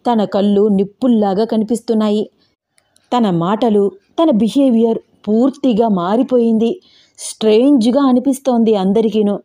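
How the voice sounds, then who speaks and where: A woman narrating a dramatic audio story in a steady storytelling voice. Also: on the high side, normal speed.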